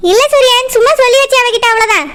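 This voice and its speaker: Woman doing Aishu, a bossy high-voiced girl. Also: a bit bright. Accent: Kanyakumari Tamil. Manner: brisk, teasing, scolding. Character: bold bossy young girl friend Aishu. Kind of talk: cartoon voice acting.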